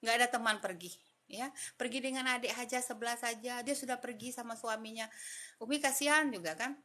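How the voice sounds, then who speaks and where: A woman's voice: fairly high pitch, brisk. A middle-aged woman with an Indonesian accent telling a personal story and acting out the voices in it. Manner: lively, acts out the voices in her story. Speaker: storyteller recounting her pilgrimage.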